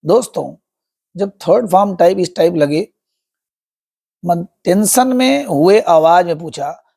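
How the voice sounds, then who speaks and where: In a Hindi-medium English lesson, a man with a high, gravelly yet mellow voice teaches English through a story. He speaks slowly and animatedly, explaining each word and its meaning, repeating himself, and calling his viewers friends.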